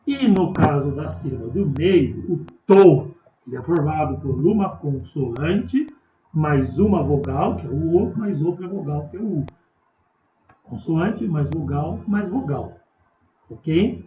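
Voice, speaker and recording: A man with a Brazilian Portuguese accent teaching a remote class, slowly spelling out examples and checking in often with his students. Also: fairly high pitch, animated. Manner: patient, slow spelling-out with frequent "tá?" check-ins. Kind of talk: recorded remote class lesson. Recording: dull echoey room, far from mic, faint noise.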